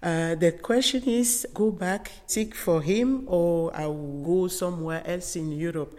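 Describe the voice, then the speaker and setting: Middle-aged woman, Togolese accent, unhurried and halting interviewee, lowish voice, long room reverb. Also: dark tone. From Togo. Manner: halting, non-native English phrasing. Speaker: interviewed photographer. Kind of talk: personal recollection in an interview. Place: indoors in an exhibition gallery with long reverb.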